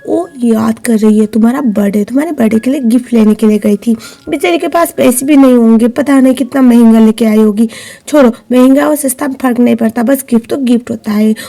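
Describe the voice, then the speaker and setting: A woman's voice: a little high, fairly quick, mellow. A woman reading as a bossy scolding old grandmother. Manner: scolding, preachy.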